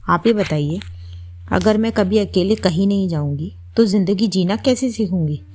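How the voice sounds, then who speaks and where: A woman's voice: mid-range voice, normal speed, warm tone, lightly acted. A woman voicing a young daughter-in-law who speaks politely and earnestly. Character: young daughter-in-law, quiet then firm.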